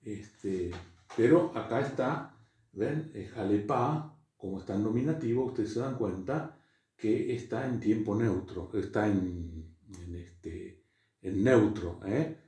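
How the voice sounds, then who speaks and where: A man teaching a Greek class, speaking slowly and haltingly with many fillers and checks for understanding. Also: lowish voice, warm tone. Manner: slow, halting, full of fillers and checks like "¿eh?" and "¿ven?". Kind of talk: classroom lecture. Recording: very echoey classroom.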